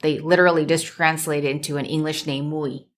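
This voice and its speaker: Low-voiced woman hosting a motivational podcast. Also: fairly even intonation. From United States. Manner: measured, builds points in emphatic lists. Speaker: podcast host and business coach. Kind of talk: solo motivational podcast talk.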